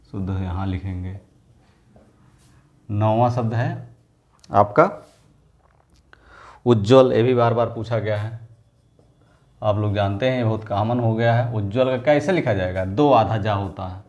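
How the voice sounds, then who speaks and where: A man teaching an exam-prep lesson, repeating each word and firing off quick rhetorical questions in an informal, coaxing way. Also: on the low side, darkish tone, muffled recording. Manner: drills words by repetition, asks quick rhetorical questions.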